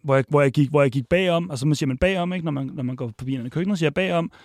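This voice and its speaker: A man guest telling restaurant stories in casual chat, animated, with many restarts and acted-out quotes. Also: medium pitch, no echo, clean studio sound. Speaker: podcast guest, restaurant worker. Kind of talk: casual storytelling.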